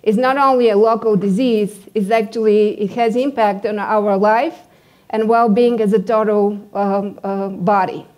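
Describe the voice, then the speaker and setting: A woman from Bulgaria, a dentist giving a conference presentation, hesitant with many fillers and losing her voice as she keeps clearing her throat. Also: medium pitch, fairly even intonation, a little slow, darkish tone.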